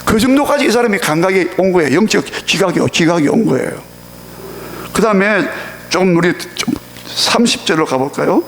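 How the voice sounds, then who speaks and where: A middle-aged man from South Korea preaching a Sunday sermon in a church, his voice sitting notably high. He talks in an animated, conversational way, checking in with the congregation and leading them through scripture readings together. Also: normal speed, a little hiss or hum. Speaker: pastor. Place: church sanctuary.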